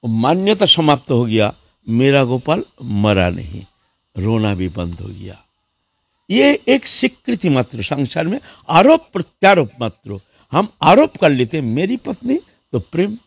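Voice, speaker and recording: Male monk, sermon storyteller, lively rising and falling delivery, dry close sound. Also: a little high, vocal fry, dry recording. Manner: lively storyteller who acts out the people in his story; repeats words and fills with "haan". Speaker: monk preacher.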